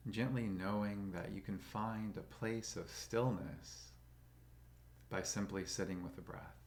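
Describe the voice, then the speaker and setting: Man, very low voice, gravelly, slow gentle meditation guide. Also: steady tone.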